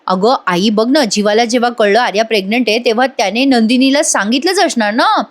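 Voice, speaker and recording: A woman's voice: on the high side, brisk, lightly acted. A woman voicing a modern young daughter who coaxes and explains with impatience. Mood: exasperated. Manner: coaxing, exasperated.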